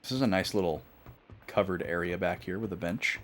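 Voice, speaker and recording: A man's voice: sits low, fairly even intonation, brisk, a bit bright, a little hiss or hum. A man streaming a video game, thinking aloud and joking as he takes notes. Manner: thinking aloud, jokey, note-taking. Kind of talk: casual gameplay commentary.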